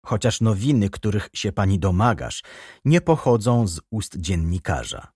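A man's voice: lowish voice, sing-song, husky, no echo, studio quality. A man reading a stern, grave prosecutor. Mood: earnest. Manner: stern, measured, quietly accusing. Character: grave former journalist, now royal prosecutor, man. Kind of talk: audiobook character reading.

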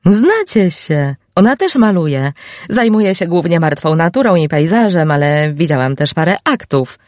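A woman doing a brisk, bossy female agent. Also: on the low side, big pitch swings, a little mellow, no room sound, clean studio sound, voice pushed up. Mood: explaining. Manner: brisk, reassuring, a little bossy. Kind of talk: audiobook reading.

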